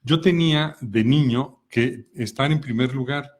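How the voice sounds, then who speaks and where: A middle-aged man speaks at a medium pitch. He explains calmly and patiently, working through everyday examples. He often pauses to ask his listeners questions. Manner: calm, explanatory, asks many rhetorical questions. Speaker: co-host of a personal growth talk.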